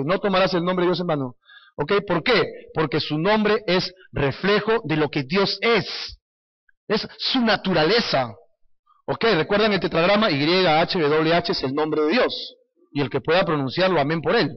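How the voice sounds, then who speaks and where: Man, pastor, high voice, Bible study teaching, chatty, questions to the audience, muffled lo-fi recording. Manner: asks the audience questions and answers them; lively, conversational, jokes with listeners.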